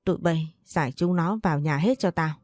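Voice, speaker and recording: A stern, enraged older master of the house interrogates his household, his tone harsh and commanding. A woman reading a storybook acts him out in a low, mellow voice. The words come fast and sharp. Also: dry recording, studio quality, close to an everyday voice.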